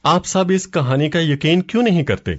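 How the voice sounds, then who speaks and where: A man's voice: fairly high pitch, close to an everyday voice. A young man playing a nephew who questions and retells stories in a scripted dialogue drama. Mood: earnest. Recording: muffled lo-fi audio.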